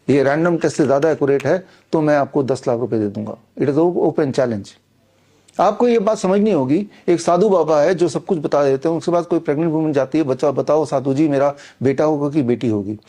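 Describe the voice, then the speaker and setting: Insistent middle-aged man with a mellow voice. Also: a little high. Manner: insistent, combative, many "uh" fillers. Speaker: author promoting his books and a training program. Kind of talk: persuasive direct-to-camera monologue.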